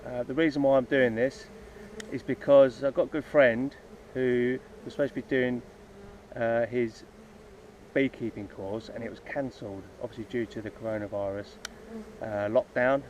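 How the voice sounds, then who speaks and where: A man speaks at normal speed in a mid-range, darkish voice with fairly even intonation, slight background noise behind him. He's a hobby beekeeper chatting unscripted for a video by his hives, explaining his plans in rambling fashion with many ums and restarts. Faint insects buzz through the dull lo-fi outdoor recording.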